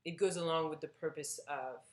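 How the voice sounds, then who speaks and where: A woman's voice: sits low, steady tone, brisk, roomy sound. A woman from Belgium chatting casually to camera, telling a personal story with lots of fillers and restarts. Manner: hesitant, rambling, with many fillers and restarts. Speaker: vlogger.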